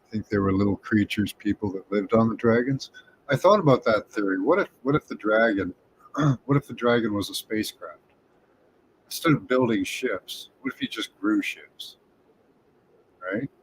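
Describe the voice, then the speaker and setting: A man giving unhurried, tentative commentary over images, thinking aloud with pauses and hums. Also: fairly low pitch, animated, slight background noise. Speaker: remote viewing presenter.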